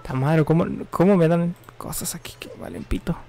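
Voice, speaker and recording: Young male streamer, a touch high-pitched, loose and slangy, drifts between game and news. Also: normal speed, warm tone. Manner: rambling, offhand, slangy and self-correcting. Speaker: gaming streamer. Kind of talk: casual live-stream chat while gaming.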